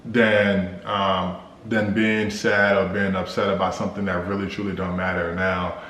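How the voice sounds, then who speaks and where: An American man co-hosting a casual Q&A vlog, explaining things in a measured, halting way. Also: deep voice, level tone, fairly bright tone. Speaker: vlog co-host. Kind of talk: casual couple Q&A chat. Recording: roomy echo with clear background noise.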